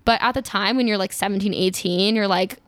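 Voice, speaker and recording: A woman's voice: medium pitch, brisk, dry recording. A woman in her twenties from Maryland, rambling through her life story in a casual chat, full of fillers and restarts. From Maryland, USA. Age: 20s. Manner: rambling, many fillers and restarts, laughs easily.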